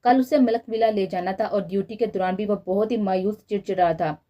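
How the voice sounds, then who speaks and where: A woman narrating a romance novel in a steady storytelling manner. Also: medium pitch, fairly quick, highs cut off. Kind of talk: novel reading.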